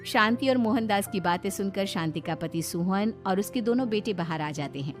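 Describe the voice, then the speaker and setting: A woman's voice: mid-range voice, lively intonation, normal speed, soft background music. A woman narrating a scripted cartoon story as its storyteller.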